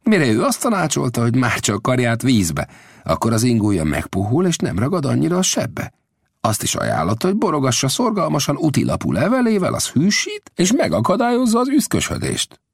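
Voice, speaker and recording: A man's voice: mid-range voice, huge pitch swings, gravelly, husky, dry recording, studio quality, voice pushed up, heavily acted. A man voicing a stammering eager young man. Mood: eager excited. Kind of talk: audiobook character voice.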